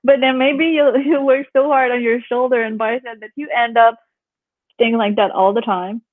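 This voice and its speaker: She's a young yoga instructor from Canada, guesting on a casual interview chat in a relaxing voice that sits on the high side, with a steady tone and moderate pace. Frequent laughter breaks in as she acts out other people's words. The recording is dry and sounds like call audio.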